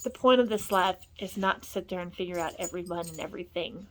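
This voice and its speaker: A woman in a rambling spoken monologue, blunt and profane, swinging between low murmurs and loud scolding. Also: fast talker, a little hiss or hum. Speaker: vlogger.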